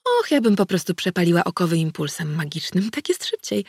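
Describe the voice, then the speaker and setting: A woman's voice: lowish voice, sing-song, brisk, a little mellow, slightly rough, no room sound, clean studio sound, heavily acted. A woman voicing an ancient female war goddess who speaks in an offhand, blunt way in an audiobook.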